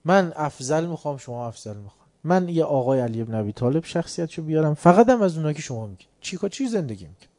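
A man preaching a religious lecture in a dark, mellow voice. He quotes Arabic phrases and then explains them. His delivery swings from hushed asides to loud, emphatic declarations. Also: fairly high pitch, big pitch swings, few pauses.

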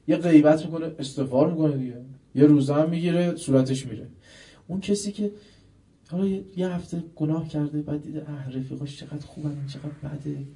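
A man giving a religious sermon, putting rhetorical questions to his listeners and swinging between loud emphasis and quiet asides. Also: mid-range voice, far from the mic, rough recording. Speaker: preacher.

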